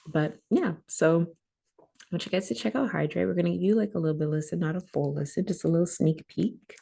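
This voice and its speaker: A young woman with a low voice and a gravelly edge leads a casual songwriting workshop. Her tone is dark and mellow, and she talks through her slides in an easygoing way, with lots of "um"s. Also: quick pace. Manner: relaxed, chatty, frequent fillers. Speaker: rapper hosting a songwriting workshop.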